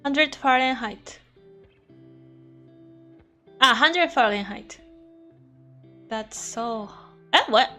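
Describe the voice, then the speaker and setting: Bright, high-voiced woman streamer, playful. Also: very slow, long pauses, faint music behind. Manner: animated, playful, expressive reactions. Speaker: VTuber streamer reading chat. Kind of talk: casual livestream chat while studying Spanish.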